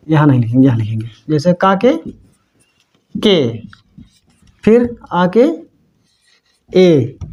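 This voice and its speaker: A middle-aged man teaching a language lesson slowly and patiently, repeating each step and checking that the learners understood. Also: high voice, a little mellow. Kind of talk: slow blackboard-style language lesson.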